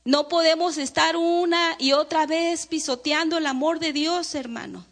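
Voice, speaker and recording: A woman's voice: sits high, moderate pace, fairly bright tone, in a large hall. A woman preacher giving a fervent sermon to her congregation, calling them brothers and sisters and acting out the prayers she quotes. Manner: dramatizes quoted prayers and speech.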